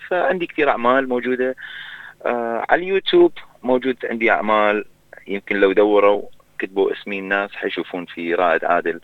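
Iraqi guy talking quick and low-ish, lots of trailing fillers, tinny dry phone sound. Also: dry recording. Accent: Iraqi Arabic. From Iraq. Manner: hesitant, restarts with drawn-out fillers. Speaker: singer being interviewed. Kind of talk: casual interview talk.

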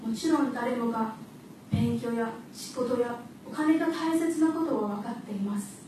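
A woman's voice: a little high, noisy background. A woman giving a prepared contest speech, earnest and reflective. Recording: echoey hall, distant mic, faint ambience.

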